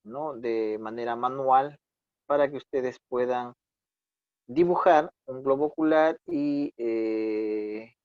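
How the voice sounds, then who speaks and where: A male instructor with a Peruvian Spanish accent teaches an online class, patiently correcting his students' work and checking in with them often, frequently repeating "¿no?". His voice is medium-pitched and slow, coming through a computer mic on a video call with dull, dry audio.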